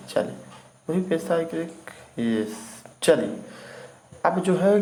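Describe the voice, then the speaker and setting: A man's voice: mid-range voice, a little mellow, slight background noise, low-quality recording. A man teaching English vocabulary in an informal video lesson. He spells words out letter by letter and keeps checking in with his students.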